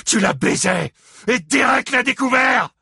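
A man's voice: extremely high pitch, expressive, a little slow, vocal fry, pushed and bright, slightly rough, no echo, raised voice, clean studio sound, pitched above the performer's own voice, heavily acted. A furious grieving father. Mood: raging shouts. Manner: bellowing threats and insults. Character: enraged grieving father, rough middle-aged man.

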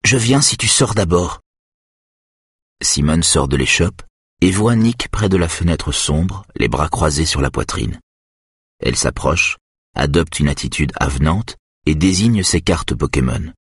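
A man reading a novel aloud in a very low, husky voice. His narration is steady and even. The recording is dry and close, with no room sound. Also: measured pace, no echo. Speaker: reader.

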